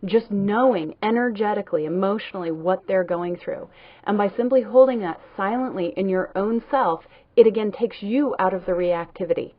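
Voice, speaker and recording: A woman co-hosting a talk in a gentle, reflective way and passing on audience questions. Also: mid-range voice, normal speed, no room sound. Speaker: co-host. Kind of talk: conversational livestream talk. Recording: dry, dull lo-fi sound.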